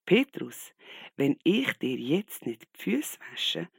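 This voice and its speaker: A man voicing Jesus as a calm, gentle teacher in a Bible story. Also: fairly high pitch, takes it slowly, vocal fry, breathy edge, dry recording, studio quality, pitched above the performer's own voice, full character voice. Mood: gently firm.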